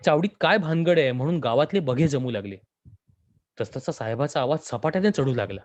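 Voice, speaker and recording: A man reading a story aloud in a measured, expressive way. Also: mid-range voice. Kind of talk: scripted story narration.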